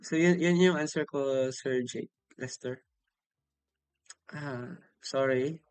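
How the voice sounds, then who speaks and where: A man's voice: medium pitch, slow, smooth, no echo. A young man with a Filipino accent, casually answering viewer comments on a livestream, apologetic and chatty as he switches between English and Tagalog. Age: young adult.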